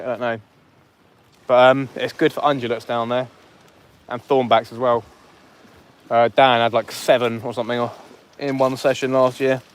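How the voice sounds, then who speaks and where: A man hosting a live fishing stream outdoors on a beach, chatting and joking with viewers through a phone mic. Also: medium pitch. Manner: jokey, chatty, banters with viewers. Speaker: fishing livestream host. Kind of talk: casual live commentary to chat.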